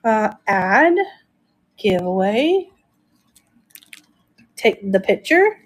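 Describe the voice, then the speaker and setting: A woman's voice: mid-range voice, sing-song, drawn-out words. A woman hosting a casual live-stream auction, chatting enthusiastically and thinking aloud as she shows each item.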